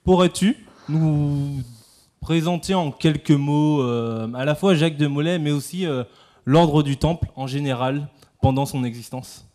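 A young man reads out a formal introduction in a lecture hall. He hesitates often and fills the pauses with small sounds. He speaks as a student interviewing a guest. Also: on the high side, dark tone. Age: young adult. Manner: hesitant, with frequent filler sounds.

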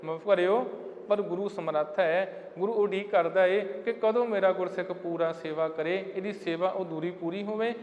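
Brief: male preacher, high voice, chants scripture lines slowly, long hall echo. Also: darkish tone, highs cut off. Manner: addresses listeners as dear ones of the Guru. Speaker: Sikh preacher giving katha. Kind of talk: sermon explaining scripture lines.

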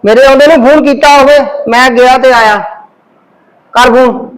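A man playing a high-voiced bullying husband. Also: fairly even intonation, normal speed, poor audio. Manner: bossy, threatening commands. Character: bullying husband who threatens his wife. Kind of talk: amateur family drama acting.

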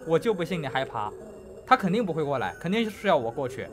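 High, lively young man playing a horror game. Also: quick pace, background noise. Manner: joking, talks to viewers, claims not to be scared, yelps at scares. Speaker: gaming YouTuber. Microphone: headphones on, desk mic.

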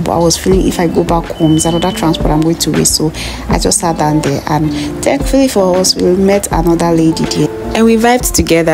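A young Nigerian woman in her twenties talks over a vlog in a relaxed, confiding voice-over, scattering "you know" and "like" as she goes. Her voice sits slightly low, and loud music plays behind her. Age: 20s. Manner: chatty, confiding, full of fillers like "you know". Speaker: vlogger. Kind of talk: casual voice-over narration. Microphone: phone or recorder voice-over.

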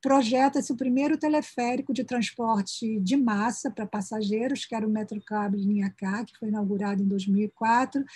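A woman giving an academic conference presentation over a video call, peppering her sentences with little tag questions and restarting phrases as she rushes to finish in time. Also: a little high, a little mellow, slightly rough, dry recording. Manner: sprinkles "né" fillers and restarts mid-phrase; hurried toward the end of her time.

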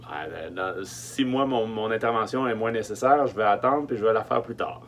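With a fairly low pitch and a slightly bright edge, a Quebecois man in his thirties gives emphatic, informal pointers on film production logistics. He talks through a face mask, repeating key words and pausing hesitantly, inside a small wooden-lined storage truck. There's a faint hum and background noise.

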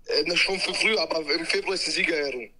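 A man's voice: on the high side, fast talker, over a noisy crowd. A man chatting casually over the phone in slangy speech, often addressing the listener as brother. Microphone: phone call played through speaker into streamer's microphone. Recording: phone call on speaker, voices around.

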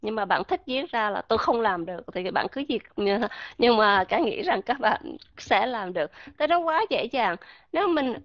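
A woman teaching a live online pronunciation lesson, patient and slowly repeating sounds to demonstrate them. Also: a little high, expressive, no echo. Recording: dry, muffled online voice chat audio.

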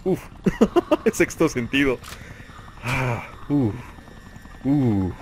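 Excitable Mexican gamer over gunfire. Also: male voice, medium pitch, drawn-out words. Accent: Mexican Spanish. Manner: excitable, talks to himself in third person, laughs often. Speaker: gaming channel host. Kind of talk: live gameplay commentary. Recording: noisy game audio behind voice. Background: gunfire and game sounds.

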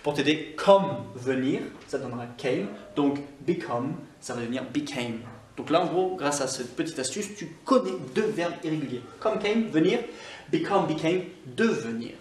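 Scottish male teacher, lesson in French, slightly high voice, roomy echo. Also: animated, a little hiss or hum. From Scotland. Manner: explanatory, stresses example words slowly. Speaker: online English teacher. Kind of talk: French-language English grammar lesson. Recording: echoey room, somewhat far from mic.

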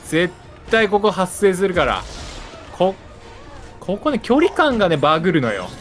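A man's voice: sits high, sing-song, a little slow, faint music behind. A man giving casual game commentary as a companion, encouraging the player with short repeated phrases.

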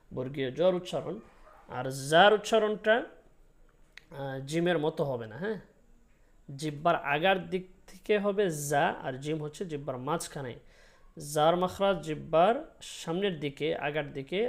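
A man teaching Quran recitation, explaining slowly and patiently with many fillers and breaking into drawn-out chanted words. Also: on the high side. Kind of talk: spoken tajweed lesson.

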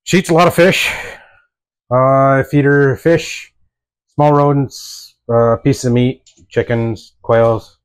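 A man's voice: medium pitch, steady tone, takes it slowly, clean tone, no echo. A man who keeps animals on his farm, explaining things in a plain, matter-of-fact way outdoors. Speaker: animal keeper and farmer. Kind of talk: casual explanation.

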